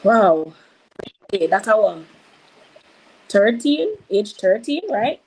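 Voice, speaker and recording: A woman with a Jamaican accent hosting a livestream, reading out viewer comments and giving shout-outs. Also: mid-range voice, big pitch swings, takes it slowly, a little hiss or hum, low-quality recording. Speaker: livestream host reading chat. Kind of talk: casual livestream chat.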